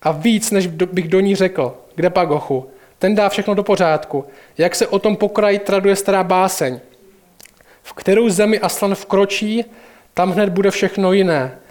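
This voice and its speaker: A man's voice: high-pitched, darkish tone, lightly acted. A man reading aloud as an earnest, proud talking male beaver from a storybook.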